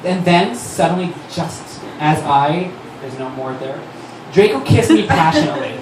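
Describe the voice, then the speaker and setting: A fairly high, animated male voice at normal speed delivers a comic, overdramatic dramatic reading of fan fiction. He is a writer-director and actor reading on stage at a live fundraiser. The sound is echoey, noisy and far off.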